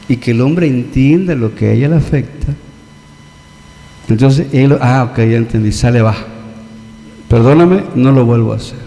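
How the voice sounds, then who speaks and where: A man's voice: a little high, dark tone. A man with a Mexican accent preaching a conversational sermon, acting out the voices of people he quotes. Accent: Mexican Spanish. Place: church hall. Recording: long church reverb.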